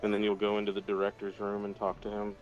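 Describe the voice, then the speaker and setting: A man co-hosting a let's play, chatting casually in a relaxed, helpful way. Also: on the low side, fast talker, muffled recording, soft background music. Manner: relaxed, helpful, chuckling often. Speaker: co-host friend. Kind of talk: casual gaming chat.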